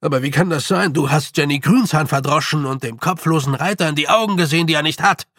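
A tiny, tough fairy clan chief, as a man puts him on speaks with nervous deference. The delivery is very slow and gravelly. The sound is close and dry. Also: mid-range voice, expressive, fairly bright tone, dry recording, exaggerated voice. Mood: astonished.

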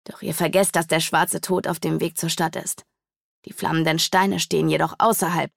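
Doubting fantasy sage, read by a woman; gravelly, low. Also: level tone, moderate pace, no room sound, clean studio sound, exaggerated voice. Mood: skeptical.

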